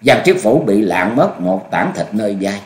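A man voicing a restrained young male swordsman who answers slowly and quietly. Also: on the low side. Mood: calm. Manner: slow, quiet, even replies. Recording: echoey room.

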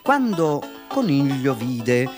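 Man, storybook narration, expressive, animated, faint music. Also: mid-range voice, takes it slowly. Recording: dry studio voice-over with soft music.

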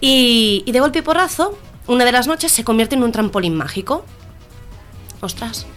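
A woman's voice: a little high, normal speed, faint music behind. Female radio comedy co-host, casual joke-telling, acts out each character's lines. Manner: animated storyteller, voices the characters in her jokes.

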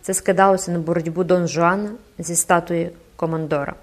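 A woman narrating a classic novel as an audiobook, in measured, expressive storytelling. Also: on the low side.

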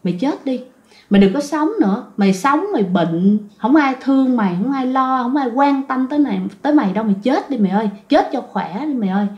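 Whispered role-play: a raspy, menacing male ghost voiced by a woman storyteller with a Southern Vietnamese accent, in a roomy, dull recording. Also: high-pitched, fast, a little mellow, natural voice.

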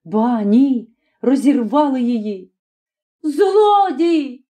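A woman reading a classic story aloud as an audiobook narrator, in a measured and expressive way. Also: mid-range voice.

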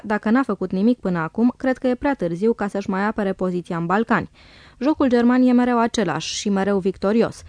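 A woman narrating a diary in a calm, measured reading voice. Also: mid-range voice, dry recording. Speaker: audiobook reader.

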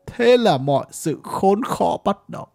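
Reader doing a grumpy old village guy, ex-official, curses a lot, slow and swooping, faint music behind. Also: medium pitch, animated, vocal fry, darkish tone. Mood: weary. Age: older. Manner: ranting, grieving, coarse cursing. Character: bitter old village man, former cadre. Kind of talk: audiobook character voice.

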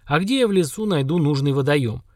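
A man voicing an ancient, simple-minded lake monster, speaking in slow, blunt, flat statements. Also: a little high, no echo, studio quality, natural voice. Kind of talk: audiobook character voice.

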